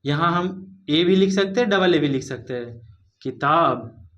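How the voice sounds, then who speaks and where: Slow, patient Hindi-accented teacher, man. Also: fairly high pitch, expressive, fairly bright tone, lo-fi sound. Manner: spells words letter by letter, drawn out; explains patiently, repeating words. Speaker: English teacher. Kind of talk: slow spelling lesson.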